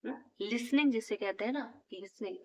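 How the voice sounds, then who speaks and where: A woman's voice: a little high, brisk, low-quality recording. A woman teaching English in a casual spoken lesson, switching between Hindi and English and often checking in with a questioning "hmm?".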